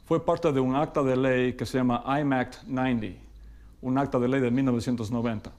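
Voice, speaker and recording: Middle-aged male immigration lawyer from Ecuador, measured explainer, slows down for key terms, mid-pitched voice. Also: steady tone, a little mellow. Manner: mixes English legal terms into Spanish. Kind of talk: explainer talk to camera.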